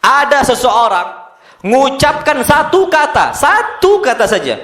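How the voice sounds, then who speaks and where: Male preacher, high voice, animated mosque sermon full of rhetorical questions, echoey hall. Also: measured pace. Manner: lively preaching with rhetorical questions to the women present. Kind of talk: lecture in a mosque.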